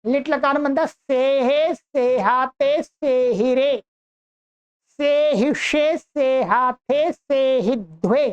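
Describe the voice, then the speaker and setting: A woman teaching a language class, reciting verb forms one by one in a slow, deliberate chant for students to repeat. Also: high voice, smooth, lo-fi sound. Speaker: Sanskrit teacher. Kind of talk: reciting verb conjugations in a lesson.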